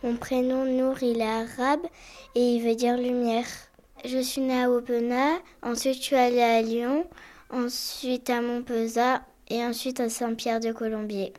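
A woman's voice: a little high, level tone, unhurried, a little mellow. A schoolgirl earnestly reading her prepared answers aloud. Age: child. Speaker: schoolchild correspondent.

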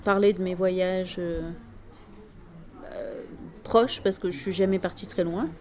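A woman's voice: lowish voice, fairly even intonation, measured pace. A French woman in a casual conversation, friendly and teasing, with some hesitation. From France. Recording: crowd chatter behind.

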